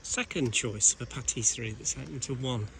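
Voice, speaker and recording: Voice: medium pitch, a little fast, gravelly. A person filming a casual travel vlog outdoors, teasing their companion and asking lots of questions. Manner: teasing, asks lots of questions, laughs often. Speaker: vlogger filming. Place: outdoors in a town street. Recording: street noise behind.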